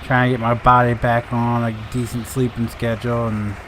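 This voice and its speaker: A man's voice: mid-range voice, level tone, moderate pace, background noise. A man live-streaming a farming game, chatting loosely with viewers, greeting and thanking them and swearing casually, tired and grumpy.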